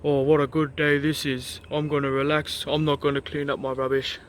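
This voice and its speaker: A man voicing Freddy, a lazy young footy player, speaking loudly and carelessly. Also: on the high side, flat delivery, brisk, a little hiss or hum, close to an everyday voice. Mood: carefree. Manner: carefree, loud and casual.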